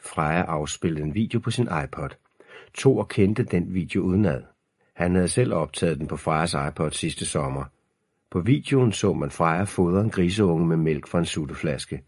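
Deep husky guy reading an audiobook, slow and ominous, dry close sound. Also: lively intonation, a little mellow, no echo. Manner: measured, ominous storytelling. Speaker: narrator. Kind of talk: scripted audiobook narration.

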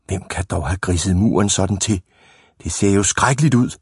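A man's voice: low voice, slightly rough, no room sound, clean studio sound, full character voice. A man doing fussy old ladies. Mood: prim.

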